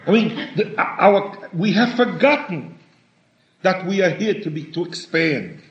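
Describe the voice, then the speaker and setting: A man giving a sermon in a halting way, often repeating words and rising in pitch for emphasis. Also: expressive. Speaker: rabbi. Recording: echoey room, dull lo-fi sound.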